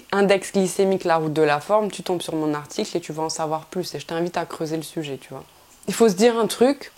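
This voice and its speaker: A woman's voice: mid-range voice, a little mellow. A young woman giving casual fitness advice straight to the viewer, slangy and informal, full of fillers and restarts. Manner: chatty, informal and slangy, addresses viewer as tu with frequent "tu vois". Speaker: fitness vlogger. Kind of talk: casual direct-to-camera advice.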